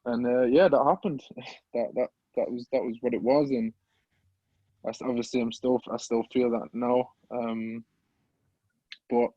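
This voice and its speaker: Halting, emotional man, flat-voiced. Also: medium pitch, no echo, highs cut off. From English Midlands. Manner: halting, repeats words, fighting back tears. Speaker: podcast guest. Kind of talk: emotional personal storytelling.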